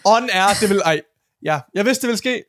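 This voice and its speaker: A man's voice: high voice, animated, fairly bright tone, dry recording. A young man co-hosting a casual podcast chat, joking and swearing freely. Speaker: podcast co-host.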